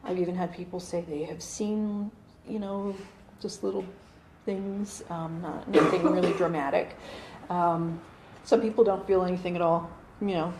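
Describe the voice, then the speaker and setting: This is a woman in her forties whose voice is on the low side, with fairly even intonation and a moderate pace. She chats to a small living-room group about her channeling, often restarting and using fillers. The audio, from a phone camera across the room, is roomy with a faint hum.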